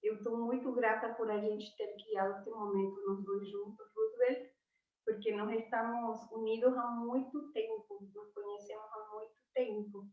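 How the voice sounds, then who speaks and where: A woman, a teacher chatting warmly on a video call, laughing often. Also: a little high, moderate pace. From Argentina. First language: Spanish. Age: 40s. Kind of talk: casual chat on a video call. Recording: roomy, distant, dull sound.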